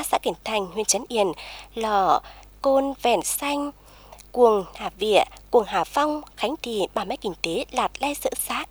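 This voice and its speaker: A woman reading a scripted news report in an even, formal manner. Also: fairly high pitch, slightly rough, no echo.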